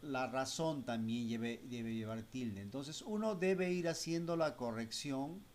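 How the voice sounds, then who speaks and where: A man of middle pitch gives a patient, step-by-step computer lesson to schoolchildren. He keeps checking in with the class with quick questions. He talks close to a desktop mic. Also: darkish tone, a little hiss or hum. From Spanish-speaking Latin America. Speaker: teacher. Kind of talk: screen-recorded software lesson.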